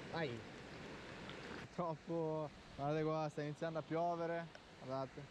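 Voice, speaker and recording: A man's voice: a little high, little pitch movement, a little slow. Casting: young male vlogger, casual exclamatory asides, recorded outdoors over noticeable ambient noise. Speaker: fishing vlogger. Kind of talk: casual vlog commentary. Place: outdoors, street and riverside. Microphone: handheld or body-worn action camera. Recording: noisy outdoor action-camera audio. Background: loud ambient outdoor noise.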